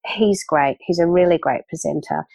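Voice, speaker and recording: A woman's voice: fairly low pitch, moderate pace, gravelly, darkish tone, dry recording. A woman, an event organizer chatting enthusiastically as a podcast guest, with many fillers. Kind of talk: casual interview talk.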